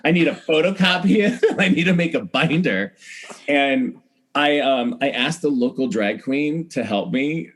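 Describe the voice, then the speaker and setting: A celebrity hair stylist from Iowa, middle-aged, tells animated stories on a podcast and acts out dialogue he remembers. His voice is a little high and a bit bright, with lively intonation and an unhurried pace.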